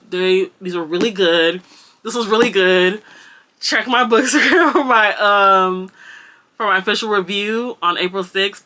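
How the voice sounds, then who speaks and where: A young BookTuber with a slight Jamaican accent chats casually through a book wrap-up, rambling and using lots of ums and likes. Her voice sits on the low side with a sharp tone.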